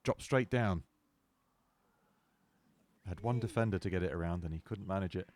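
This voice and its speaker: A man's voice: low voice, normal speed, darkish tone, a little hiss or hum. A man giving wry golf commentary with dry, playful understatement.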